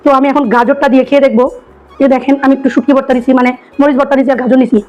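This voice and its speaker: A hoarse woman with a cold, chatting enthusiastically as she tastes food for her vlog. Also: sits high, little pitch movement, racing, a little mellow, dull audio, soft background music. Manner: chatty, enthusiastic, repeats herself. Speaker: food vlogger. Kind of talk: casual food-tasting vlog.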